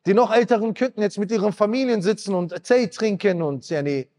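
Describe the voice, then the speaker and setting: A man's voice: a little fast, a little mellow. A man in his thirties giving an emotional sermon, impassioned and pleading, addressing the congregation directly. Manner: impassioned, rising to high pleading cries. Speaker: preacher. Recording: long reverb hall.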